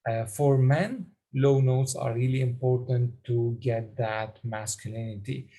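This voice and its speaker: A man coaching public speaking on a video call, talking haltingly with many fillers and restarts. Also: mid-range voice, mellow. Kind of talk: online coaching session.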